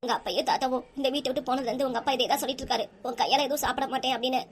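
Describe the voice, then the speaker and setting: Lady voicing a put-upon cartoon mom, complains fast, high-pitched. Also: steady tone, close to an everyday voice. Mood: pleading. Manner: pleading, complaining. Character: tearful put-upon wife and mother. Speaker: voice actor. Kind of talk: cartoon comedy voice acting.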